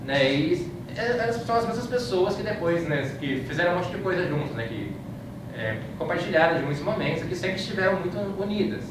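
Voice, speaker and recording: Speaking briskly and animatedly in a high voice, a man from Brazil with a Brazilian Portuguese accent presents an informal slide-show lecture on his travels to a live indoor audience. He tells anecdotes conversationally and keeps adding small checking tags. The mic is far away, the room echoes, and background noise is clear.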